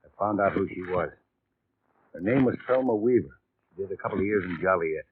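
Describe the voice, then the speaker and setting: A man's voice: sits low, brisk. An actor playing a friendly, worldly male hotel house detective who talks in a chatty, confiding way, heard as an old AM radio broadcast. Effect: old AM radio broadcast sound. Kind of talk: 1950s radio drama acting. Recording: tinny, narrow-band old radio broadcast with faint hiss.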